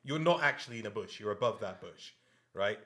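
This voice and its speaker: A man narrating as game master of a tabletop game, in a halting, chatty way with frequent restarts. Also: on the low side, lively intonation, pushed and bright. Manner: halting, chatty, laughs often.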